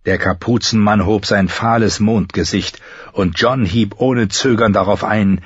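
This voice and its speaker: A man reads a dark fantasy story aloud with tense, vivid delivery. His voice sits low and husky. The recording is dry and a little muffled. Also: steady tone, a little slow, no room sound. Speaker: audiobook narrator. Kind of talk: dramatic fantasy audiobook reading.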